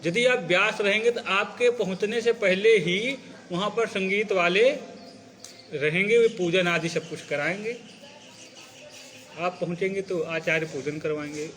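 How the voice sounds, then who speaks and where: Speaking at a measured pace, a man with a high-sitting, fairly bright voice lectures on how to recite sacred stories. Patient throughout, he checks understanding with repeated questions and demonstrates phrasing by reciting examples.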